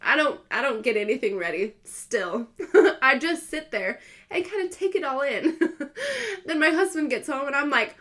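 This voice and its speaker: A woman's voice: high voice, normal speed. A young woman vlogger telling her own birth story casually, laughing often and acting out what others said. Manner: animated, laughing often, acting out quoted voices.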